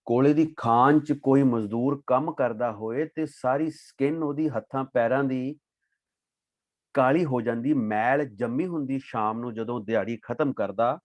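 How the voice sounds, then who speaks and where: A man giving a devotional talk on scripture, reciting verses slowly and then explaining them in a lively way. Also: mid-range voice, dry recording, highs cut off. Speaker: Sikh scripture teacher.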